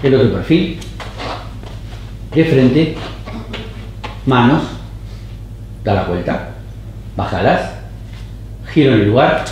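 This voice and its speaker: A man directing actors on a casting tape with short, calm, even commands. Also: mid-range voice, takes it slowly, long pauses, a little hiss or hum. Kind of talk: giving short camera directions. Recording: roomy echoey studio.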